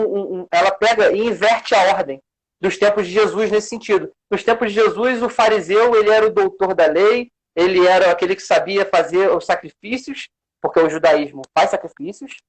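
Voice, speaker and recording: A man's voice: high-pitched, poor audio. A Brazilian man, a guest on a live stream, teaching by telling stories and acting out the quoted voices. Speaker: spiritist center worker, guest.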